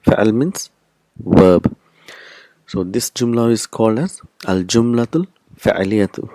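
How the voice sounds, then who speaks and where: A man's voice: on the low side, expressive, slow pace, mellow, no echo. A man teaching a recorded language lesson, explaining step by step and repeating key terms. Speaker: Arabic teacher.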